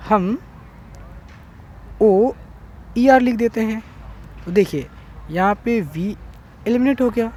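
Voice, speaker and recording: A man's voice: sits high, darkish tone, a little hiss or hum. A man teaching an English grammar lesson online, explaining step by step and checking in with "theek hai" often. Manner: slow, repetitive explaining with frequent "theek hai".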